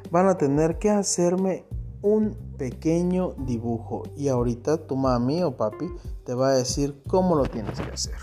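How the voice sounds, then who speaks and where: A male teacher telling a fable to young pupils in a lively, questioning way. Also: mid-range voice. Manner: animated, asks listeners questions. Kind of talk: storytelling for young schoolchildren.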